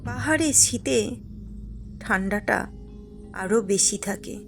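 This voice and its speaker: A woman narrates a spooky cartoon story at an unhurried pace, in a mid-pitched, even voice. Faint music runs beneath her. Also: vocal fry. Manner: measured, plain storytelling.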